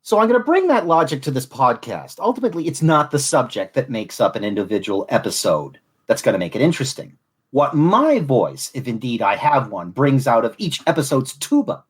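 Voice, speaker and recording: A man's voice: medium pitch, breathy edge. A man from Southwest Florida hosting a podcast in a reflective monologue, with a mid-Atlantic accent that slides toward Southern and elaborate, formal phrasing. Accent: mid-Atlantic, shifting toward Southern. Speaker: podcast host.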